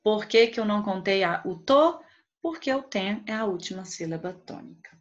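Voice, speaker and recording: A woman teacher giving a poetry lesson, counting out the syllables of each verse slowly and one by one. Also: mid-range voice. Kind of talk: online class on poetry. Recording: dull lo-fi recording.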